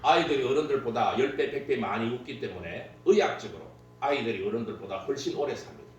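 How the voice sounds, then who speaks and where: A man's voice: medium pitch, fast, highs cut off, crowd noise. A man giving a humorous workshop lecture, joking and laughing at his own stories. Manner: jokey, laughs at own stories, lively delivery. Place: lecture hall. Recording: very echoey hall, distant mic, faint hum.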